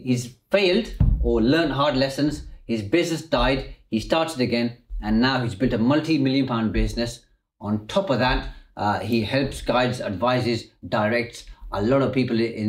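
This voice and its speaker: A man's voice: medium pitch, roomy sound, low-quality recording. A man with a British accent speaking conversationally as an interviewer.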